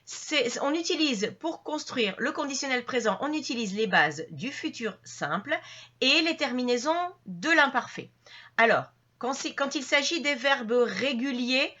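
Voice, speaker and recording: A woman gives a grammar lesson in a bright, fairly high voice. She explains patiently and step by step, often pausing on fillers and restarting her sentences. The recording sounds a little dull and lo-fi. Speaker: French teacher.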